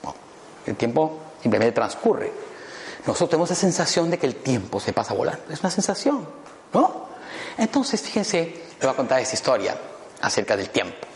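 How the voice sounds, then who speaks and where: A man's voice: mid-range voice, very animated, normal speed. A man, giving a playful motivational talk full of jokes and asides to his audience. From Peru. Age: 50s. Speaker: motivational speaker. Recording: echoey hall with long reverb, faint noise.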